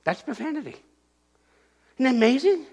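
An older pastor with an extremely high voice delivers his sermon at a moderate pace in a church sanctuary. Moving around, he erupts in bursts of volume, pointing and acting out crowd voices at a shout.

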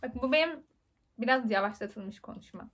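A woman in her twenties chatting very fast and excitably while unboxing books for her vlog. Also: on the high side. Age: 20s. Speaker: book vlogger. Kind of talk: casual unboxing chat.

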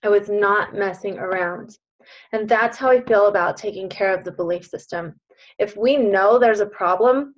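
An earnest woman coach leads an online group class, emphatically and encouragingly talking members through their beliefs at a medium pitch. She comes through a video call with dull, lo-fi sound.

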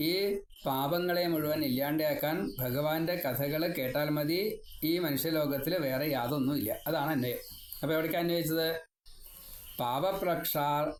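Male scripture teacher, slightly high voice, talks in a rambling way with wry asides, recorded in an echoey room with faint ambience. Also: slight background noise. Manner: chanting Sanskrit verses slowly, then explaining in conversational Malayalam. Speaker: Bhagavatam teacher. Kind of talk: devotional scripture lesson.

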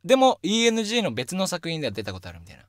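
Animated man hosting a radio talk. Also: high voice, very fast, no echo, clean studio sound. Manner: lively, animated storytelling with self-deprecating asides. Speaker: radio show host. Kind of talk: casual solo radio talk. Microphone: studio microphone.

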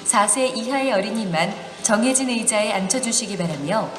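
A woman's voice: mid-range voice, moderate pace. Give me a polite, formal woman announcer on a store intercom, echoey with music playing. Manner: polite, formal, evenly read. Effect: over a store intercom loudspeaker. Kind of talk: scripted safety announcement. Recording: echoey hall with music underneath.

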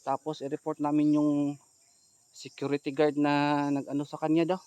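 A man vlogging as a ghost hunter outdoors in the countryside, calling out loudly to someone and then dropping to hushed asides for his viewers. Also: a little high, monotone, normal speed, clean tone, no room sound. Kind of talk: outdoor staged vlog narration.

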